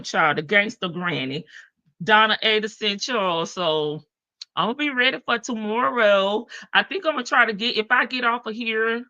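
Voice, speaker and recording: A woman's voice: medium pitch, bright, forceful tone, no room sound, lo-fi sound. A woman hosting a livestream with informal, teasing chatter and casual commentary. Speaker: livestream host.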